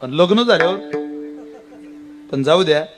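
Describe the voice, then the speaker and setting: A man delivering a devotional kirtan, a storyteller who jumps into the voices of his characters with sudden loud calls. His voice sits high for a man. Soft instrumental music lingers faintly behind him. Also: lively intonation, normal speed. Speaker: kirtan preacher.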